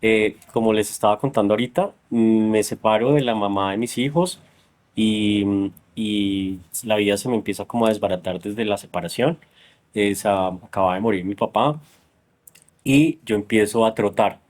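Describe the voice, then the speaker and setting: A man's voice: fairly low pitch, moderate pace, a little mellow. A man with a Colombian accent explaining his ideas at length in a reflective conversation. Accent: Colombian Spanish. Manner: explanatory, thinks aloud. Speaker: psychologist host.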